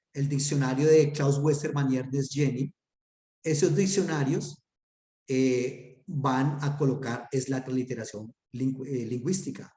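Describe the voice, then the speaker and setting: A man's voice: fairly high pitch, warm tone. Man teaching Hebrew in an echoey room. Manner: conversational, rhetorical questions to students. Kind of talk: online class lecture.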